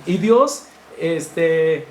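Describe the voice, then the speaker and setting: A man with a Mexican Spanish accent teaching a Bible lesson to men, animated and acting out the voices of wives and husbands. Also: fairly high pitch, drawn-out words. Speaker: church teacher. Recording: echoey room with faint noise.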